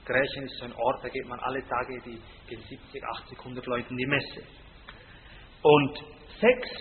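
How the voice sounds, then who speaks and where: A man's voice: medium pitch, a little hiss or hum. A man preaching a sermon in a folksy, emphatic way, often adding a questioning "gell?". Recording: tinny lo-fi line in a reverberant hall.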